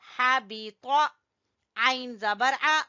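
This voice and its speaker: Bright, clear-voiced woman teaching recitation. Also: high-pitched, extremely slow, muffled recording. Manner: spells out letters and vowel marks patiently, repeating; corrects learners gently. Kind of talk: slow drilling lesson with call-and-response.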